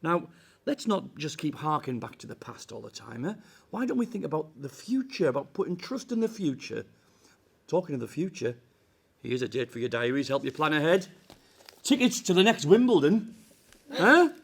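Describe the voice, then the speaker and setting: A man's voice: fairly high pitch, very animated, moderate pace, vocal fry, breathy edge, exaggerated voice. An actor playing a boss trying to bribe his team back into trusting him. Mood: wheedling. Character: blustering male boss bribing his team. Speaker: team manager.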